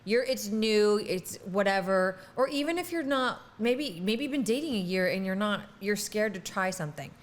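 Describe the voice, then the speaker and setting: A woman's voice: medium pitch, animated, moderate pace, few pauses. A woman co-hosting a podcast, talking bluntly and frankly in casual chat. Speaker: podcast co-host.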